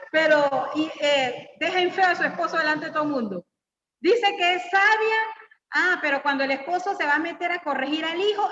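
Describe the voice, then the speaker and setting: A middle-aged woman with a high voice gives a homey, teasing sermon, firing questions straight at the women in front of her. The sound is dull and lo-fi, with a long echo from a church hall. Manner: lively, teasing, questions the audience directly. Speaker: guest speaker at church women's meeting. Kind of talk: informal preaching with personal stories.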